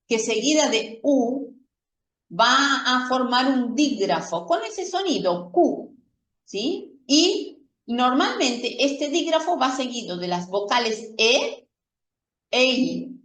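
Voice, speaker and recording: A woman teaching a language lesson, pronouncing example words slowly and patiently, often checking in with her students. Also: on the high side, fairly bright tone. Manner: models words slowly and repeats them. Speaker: Spanish teacher. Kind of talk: slow, careful classroom explanation. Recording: echoey room from a distant mic.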